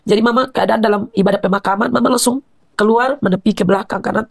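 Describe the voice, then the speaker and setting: A woman's voice: medium pitch, quick pace, gravelly, husky. A middle-aged woman giving an emotional personal account in an interview, calling herself Mama and often addressing the host as Abang. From Indonesia. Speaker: interview guest, mother of the deceased.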